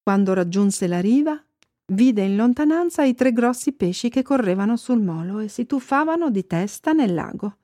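Expressive woman reading a children's story. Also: a little high, moderate pace, no echo, clean studio sound. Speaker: narrator.

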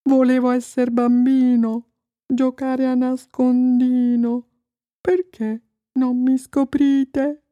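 A woman's voice: high-pitched, flat delivery, slow, mellow, no room sound, lo-fi sound, voice pushed up. Woman voicing a lonely misunderstood snowman. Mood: plaintive. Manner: plaintive rhyming recital.

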